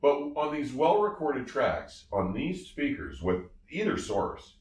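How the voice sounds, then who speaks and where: A man's mid-range voice swings hugely in pitch as he talks a little slowly about audio gear. As a reviewer and show host, he's casual, emphatic and effusive, often repeating what he says. The recording is roomy, with the mic set somewhat back.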